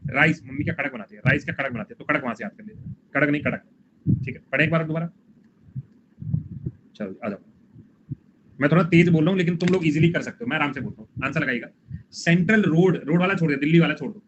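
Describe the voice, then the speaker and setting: A man teaching a live online exam-prep class, drilling quick memory tricks and coaxing his students along. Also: a little high. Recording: dull lo-fi stream audio with faint noise.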